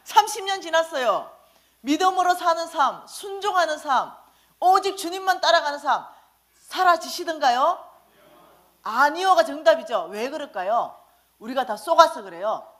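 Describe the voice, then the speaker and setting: A woman's voice: high voice, lively intonation, moderate pace, fairly bright tone. A woman giving a sermon testimony at a church service, pressing the congregation with direct questions. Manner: questions the audience directly, urging answers.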